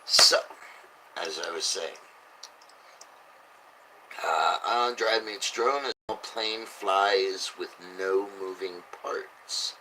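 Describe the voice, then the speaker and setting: A man's voice: sits low, extremely slow, pauses often, sharp tone, a little hiss or hum, low-quality recording. A man who sounds drunk, rambling through casual, blunt, sweary commentary as he reads out headlines. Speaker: host reading and reacting to news.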